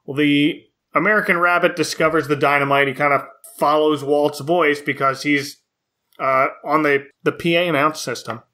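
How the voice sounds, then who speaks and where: A man's voice: on the high side, fairly even intonation, normal speed, pushed and bright. A man co-hosting a podcast, casually recapping a film in a wry, joking way. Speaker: podcast co-host.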